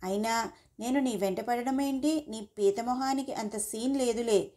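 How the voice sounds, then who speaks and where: Woman reading as a snappy, sarcastic young heroine with a mellow tone, storybook style. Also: on the high side, measured pace, natural voice. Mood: sarcastic scolding. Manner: scolding, sarcastic. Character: sharp-tongued young woman, quick to snap.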